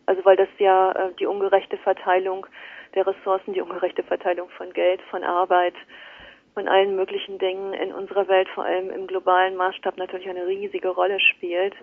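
A woman's voice: mid-range voice, completely flat delivery, fairly quick. A woman speaking as a guest in a radio interview, thoughtful and hesitant with many fillers, heard over a phone line. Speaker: guest, works at a financial institution. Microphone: telephone.

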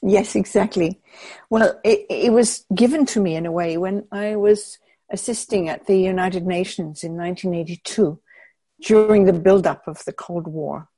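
An older woman from England giving measured, thoughtful interview answers, with frequent restarts as she gathers her words. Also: on the low side, dark tone, breathy edge, no echo. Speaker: interviewee, peace researcher.

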